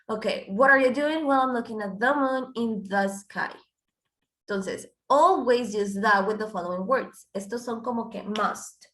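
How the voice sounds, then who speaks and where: A woman teaches English grammar in a class, walking through each rule step by step. She moves between Spanish explanations and English example sentences. Her voice is of middling pitch and carries a roomy echo. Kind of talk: online class lesson.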